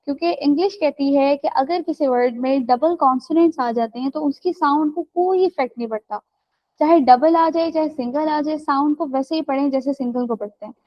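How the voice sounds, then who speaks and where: High-voiced woman teaching on a call. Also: fairly quick, no room sound, dull audio. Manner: explains step by step, checks understanding with "right?" and "theek hai". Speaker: English teacher. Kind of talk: online class teaching.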